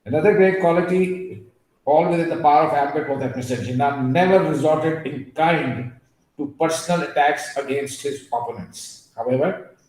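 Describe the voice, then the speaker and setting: A fairly high-pitched man with a darkish tone lectures as a webinar guest, earnest and emphatic, digressing into personal stories and peppering pauses with "uh." The sound comes through a video call from a very echoey room.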